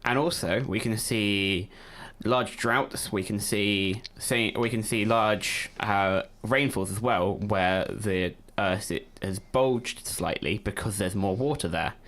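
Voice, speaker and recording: A young man with a lowish voice, co-hosting a casual science show. He lays out explanations patiently and slips in dry jokes along the way. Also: takes it slowly, fairly bright tone. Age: young adult. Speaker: co-host.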